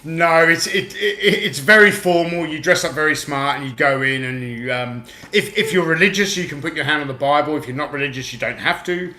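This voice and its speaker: Brisk and with few pauses, a British livestream host's slightly high, sharp voice fills an echoey home room in Australia. A toy auctioneer, he chats casually, reads out viewer comments and laughs easily.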